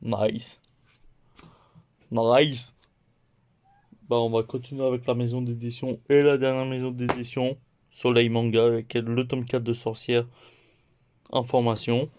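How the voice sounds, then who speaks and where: Un homme qui présente ses achats de mangas de la semaine sur un ton décontracté, en énumérant les titres un par un et en riant de ses erreurs. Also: male voice, mid-range voice, little pitch movement, a little mellow, smooth. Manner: slow, listing titles one by one; playful, laughs at own mistakes. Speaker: manga haul vlogger. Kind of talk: casual haul video chat.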